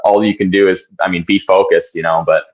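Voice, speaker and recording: Brief: relaxed young male athlete guest, deep voice, loose podcast chat. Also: a little fast, poor audio. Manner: laid-back, rambling with restarts.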